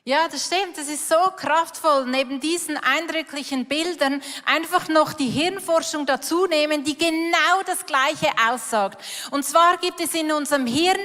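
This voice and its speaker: High-voiced woman explaining in a hall. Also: moderate pace, sharp tone. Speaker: co-speaker in the sermon. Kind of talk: sermon explanation. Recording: echoey hall reverb.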